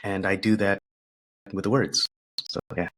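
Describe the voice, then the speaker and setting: A man speaking as a podcast guest, reflective and thoughtful, pausing and restarting as he talks. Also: low voice, little pitch movement. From United States. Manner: thoughtful, pauses and restarts, laughs softly.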